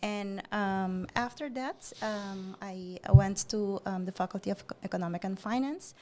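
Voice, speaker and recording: A woman with an Aruban accent answering interview questions in a halting, hesitant way with frequent pauses. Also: mid-range voice, dark tone. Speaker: interview guest, economic affairs professional.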